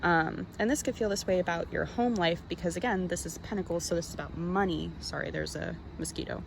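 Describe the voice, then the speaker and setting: A woman with a slightly low voice and noticeable vocal fry talks a viewer through a tarot card reading. Her delivery is informal and conversational, sprinkled with slang. Clear background noise sits behind her voice. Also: brisk.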